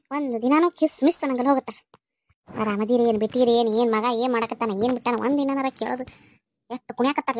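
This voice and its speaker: Woman doing a scheming cartoon village woman, North Karnataka Kannada accent, bitter, grumbling, fast. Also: on the high side, no echo, lightly acted. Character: scheming, resentful woman of the household. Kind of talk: cartoon voice acting.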